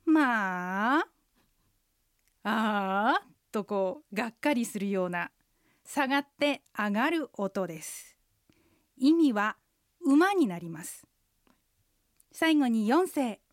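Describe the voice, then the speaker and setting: A woman co-hosting a radio language lesson, slowly and carefully explaining how sounds are pronounced. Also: a little high, very animated, dry recording, studio quality. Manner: slow, careful explanations of pronunciation. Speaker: Chinese language instructor and co-host. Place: radio studio.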